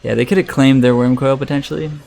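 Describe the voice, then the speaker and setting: A man's voice: mid-range voice, steady tone, quick pace, gravelly, a little mellow. A man casually commentating live on a card game as he plays, thinking aloud in a conversational way, with a fan running. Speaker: streamer playing an online card game. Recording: electric fan noise in the background. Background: electric fan running.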